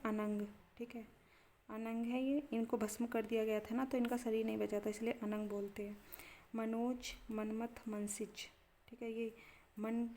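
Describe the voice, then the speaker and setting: A young woman teaching an exam prep lesson, listing terms one after another in a steady cadence and checking in with the listener now and then. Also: fairly high pitch. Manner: steady teaching cadence with frequent "theek hai" check-ins.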